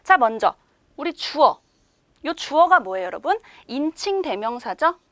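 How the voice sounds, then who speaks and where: Female instructor for a recorded lesson, animated delivery with lots of questions to the class, close and dry. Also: high voice, measured pace, dry recording. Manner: patient, explains step by step with many rhetorical questions. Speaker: language teacher. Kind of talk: online language lecture.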